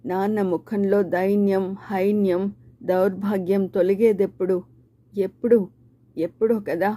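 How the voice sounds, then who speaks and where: A woman narrates a story in the first person, holding a steady, measured pace with even pauses. Her voice is deep and mellow, and it hardly rises or falls. The recording is dry and close, with no room sound. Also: dry recording.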